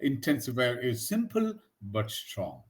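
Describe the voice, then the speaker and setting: A man's voice: mid-range voice, unhurried. A man teaching spoken in a casual conversational lesson, acting out example phrases in different tones. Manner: animated, acts out example phrases with varied tones. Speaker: English teacher.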